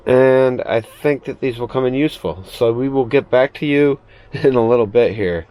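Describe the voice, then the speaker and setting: A man's voice: medium pitch, moderate pace, dark tone, clear, resonant tone, low-quality recording. A man chatting casually and thinking aloud as he vlogs about chores inside a small RV trailer. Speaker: vlogger. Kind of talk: casual vlog chat, narrating chores.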